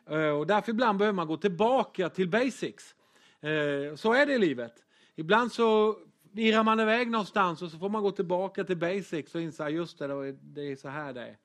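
A man preaching a casual sermon, telling stories with humor and many fillers. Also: sits high. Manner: chatty storytelling with humor and fillers. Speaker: pastor.

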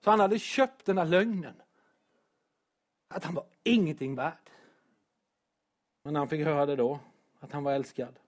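A pastor preaches in church with earnest emotion, rising to shouts when he presses a point. His voice sits a little high for a man. He breaks up the heavy moments with self-deprecating humor. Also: long pauses. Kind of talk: sermon.

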